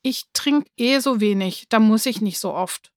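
A woman's voice: a little high, normal speed, dry recording, clean studio sound, close to an everyday voice. A woman reading an audiobook, voicing a shy, anxious schoolboy who stammers and whimpers. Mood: resigned.

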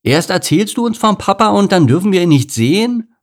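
A man's voice: high-pitched, sing-song, brisk, pitched above the performer's own voice. A man voicing a proud, whiny young lion cub in an audiobook story. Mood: sulky. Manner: whiny, sulky.

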